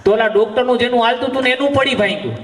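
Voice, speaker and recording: High-voiced Gujarati comic, echoey stage. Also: male voice, very fast, fairly bright tone. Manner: telling jokes with acted-out dialogue. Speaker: stage comedian. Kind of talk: live folk humor storytelling. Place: stage at a live program. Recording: echoey live venue from far off.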